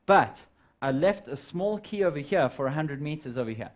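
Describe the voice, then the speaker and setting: A man's voice: on the high side, lively intonation, moderate pace. A man teaching a live physical sciences lesson, walking students through measurements and calculations and calling them "guys". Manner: step-by-step explaining, addresses students as guys.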